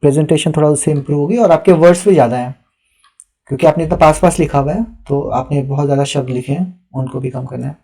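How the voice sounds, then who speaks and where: Reading students' answer sheets aloud, this young male teacher offers live feedback in a patient, instructive way. He speaks quickly, with a fairly high, creaky yet mellow voice.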